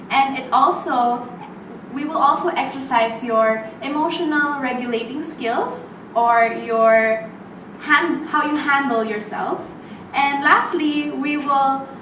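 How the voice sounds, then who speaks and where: A young woman, leading a role-played group therapy session as student occupational therapist and giving friendly step-by-step instructions. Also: on the high side. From Philippines. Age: young adult. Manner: friendly, guiding instructions with frequent okays. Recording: roomy distant recording with background noise.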